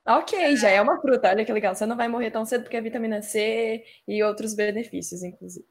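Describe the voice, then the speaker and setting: Woman with a slightly high, husky voice, warm-hearted reassuring podcast chatter. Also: fast talker. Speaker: podcast co-host. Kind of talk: casual podcast chat.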